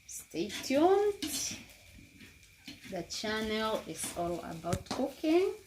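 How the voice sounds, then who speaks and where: A woman's voice: on the high side, sing-song, noisy background. A woman hosting a home cooking vlog, speaking in a casual, repetitive way and inviting viewers to try the dish. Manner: slow, repetitive, friendly invitations. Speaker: cooking channel host. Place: home kitchen.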